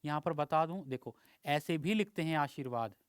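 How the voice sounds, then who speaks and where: Male tutor, slightly high, crisp voice, dry close voice-over, patient and repetitive lesson delivery. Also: lively intonation, normal speed, no echo. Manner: patient, repeats each word and checks with "theek hai". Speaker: exam prep teacher. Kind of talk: spelling lesson over slides.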